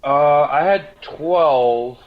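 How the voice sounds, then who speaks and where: A man's voice: on the high side, extremely slow. A man co-commentating on a boxing show in loose, casual chat. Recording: slightly dull, lo-fi audio.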